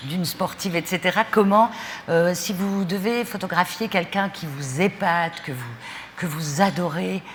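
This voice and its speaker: A woman's voice: fairly low pitch, unhurried, slight background noise. A woman hosting a public interview, asking questions with some hesitation. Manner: questioning, with fillers. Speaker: interviewer host.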